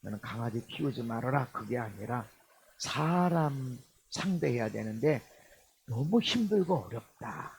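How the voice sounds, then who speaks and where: A middle-aged male pastor preaching a sermon, swinging from loud exhortation to low muttered asides and acting out the people he quotes. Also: animated, a little slow, creaky, a little hiss or hum.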